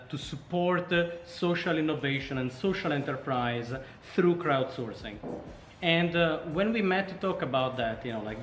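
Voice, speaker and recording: A startup co-founder from Sardinia, Italy, casually tells his story as an interview guest, speaking with an Italian accent. His voice is a little high and a bit bright, recorded in an echoey room with faint background noise.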